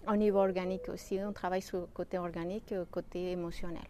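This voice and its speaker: A woman with a Mexican Spanish accent talks in French about her practice, her tone warm and mellow. She hesitates often, restarting phrases and filling pauses. A faint hum of ambient noise sits under her voice. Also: fairly low pitch, little pitch movement. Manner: hesitant, many fillers and restarts. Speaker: shiatsu practitioner. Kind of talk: interview answers.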